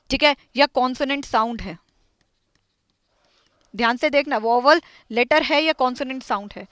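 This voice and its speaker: A woman's voice: high voice, a bit bright, no room sound. A woman teaching an English grammar lesson, quizzing her students and repeating each point. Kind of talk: classroom lesson.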